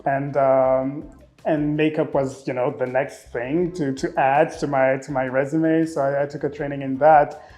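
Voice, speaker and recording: His voice is mid-range and a little slow. He's a makeup artist in his thirties, originally from Rwanda but raised in Belgium, chatting casually in an interview with plenty of expression and a habit of repeating words as he thinks.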